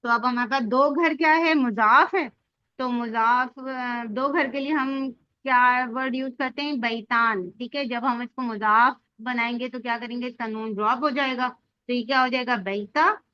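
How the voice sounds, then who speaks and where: A woman with a high voice teaches a grammar class, explaining each rule patiently and asking her students questions as she goes. Her voice comes through dry, with no room echo, and a little muffled. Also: fairly even intonation, a little slow. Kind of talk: online Arabic grammar lesson.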